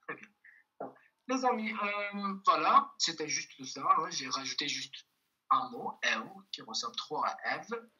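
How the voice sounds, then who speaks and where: Slow, patient man teaching online. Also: fairly high pitch, expressive, pushed and bright, muffled recording. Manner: patient, repeats each example, checks in with "ok?" and "voilà". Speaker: language teacher. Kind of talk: online language lesson.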